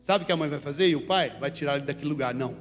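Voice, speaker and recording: A male pastor from Brazil preaching a sermon, animated, moving between loud calls to the congregation and quiet asides. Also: on the high side, racing. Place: church sanctuary. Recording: reverberant church hall with faint music.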